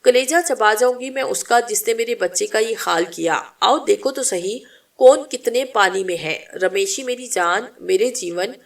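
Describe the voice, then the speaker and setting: A woman voicing a distraught young mother who shouts and curses in a story narration. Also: moderate pace, creaky, recorded from a distance. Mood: raging grief. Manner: shrill, cursing outbursts.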